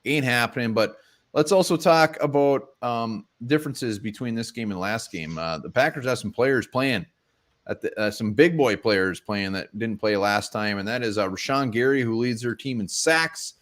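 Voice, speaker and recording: A man co-hosts a live sports chat in a voice of ordinary pitch. He talks bluntly, swears freely and jokes with his partner. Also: moderate pace. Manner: blunt and profane, joking. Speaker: sports podcast co-host.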